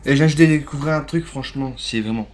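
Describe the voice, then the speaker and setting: The toy unboxing is narrated by a man whose medium-pitched, slightly mellow voice moves fairly quickly over a little hiss or hum. This collector vlogger talks casually but hesitantly, packing in fillers and self-corrections, with his phone handheld and no tripod.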